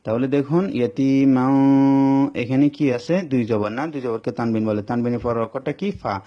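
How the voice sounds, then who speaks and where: A man's voice: mid-range voice, fairly even intonation. Patient male teacher, dull lo-fi sound. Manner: patient, repetitive, asks and answers his own questions; stretches words into slow sung recitation. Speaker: Quran reading teacher. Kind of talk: step-by-step recitation lesson, spelling out letters. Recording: dull lo-fi recording.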